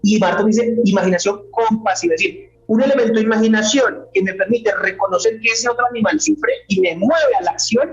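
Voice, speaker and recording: A man, a philosophy doctoral student, explaining ideas at length as an interview guest in a measured way, often asking rhetorical questions. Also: high voice. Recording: roomy, dull sound.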